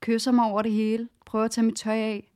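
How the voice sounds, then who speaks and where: A woman's voice: a little high, completely flat delivery, darkish tone. A young woman, co-hosting a casual podcast and telling a personal story in an emotional, shaky way. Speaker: podcast co-host.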